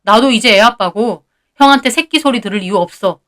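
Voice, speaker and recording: A woman voicing a young husband who is fed up and talks back loudly and bitterly. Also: a little high, a little fast, natural voice. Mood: bitter shouting. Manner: loud, bitter, firm.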